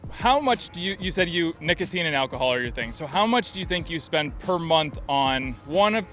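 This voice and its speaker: Upbeat male host in his 30s on a city street, talks at a clip, slightly high voice, faint music under him. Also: lively intonation, a bit bright. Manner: upbeat, quick questions and number rundowns. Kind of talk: street interview.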